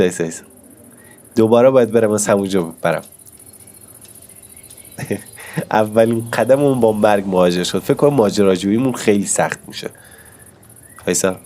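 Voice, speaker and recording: Man, hoarse from a cold, lowish voice, chatty, excitable gameplay commentary, faint background hiss. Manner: chatty, excitable, talks to viewers. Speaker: gaming YouTuber.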